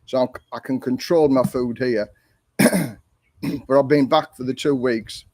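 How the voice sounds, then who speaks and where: An older Englishman hosts a casual livestream, answering viewer questions in a chatty, rambling way full of ums and restarts. His medium-pitched voice, which he describes as monotone, moves at a slow pace in a dry recording.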